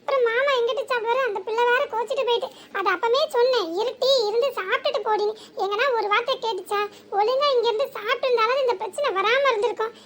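A woman voicing a sharp-tongued young village wife in a comic cartoon, with a southern Tamil village accent and a scolding, sarcastic manner. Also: very high-pitched, quick pace, noisy background. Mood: grumbling. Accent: southern Tamil village dialect. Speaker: cartoon character.

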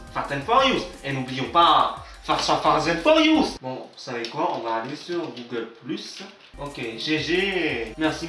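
A young man hosting a comedy show, reading out viewer comments with playful sarcasm, lots of swearing, and sudden swings between shouting and mumbling. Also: on the high side, distant mic. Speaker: YouTube host. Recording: echoey room, voice off-mic, faint music.

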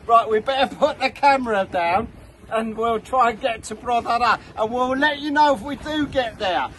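A middle-aged man with a fairly high voice hosts a casual vlog from a small dinghy, chatty and quick to make fun of himself. He films on a phone held at arm's length, out on the open sea. Loud wind and lapping water run under every line. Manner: chatty, jokey, self-mocking. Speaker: vlog host. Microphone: phone camera at arm's length.

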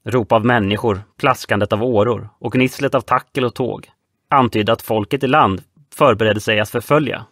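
A man reading an adventure audiobook aloud in a steady, measured way. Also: mid-range voice, dry recording, clean studio sound. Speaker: audiobook narrator. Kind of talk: audiobook narration.

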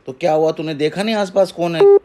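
On a recorded phone call, a man acting as a guru advises a caller in casual conversation, giving instructions and frequently checking that he's understood. His voice is on the high side, warm, very animated, and a little fast.

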